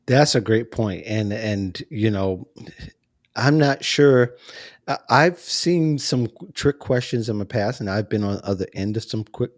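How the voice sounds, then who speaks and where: A man's voice: lowish voice, lively intonation, a little slow. A man hosting a casual panel chat on a video call. He talks in a conversational way and laughs often. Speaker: host.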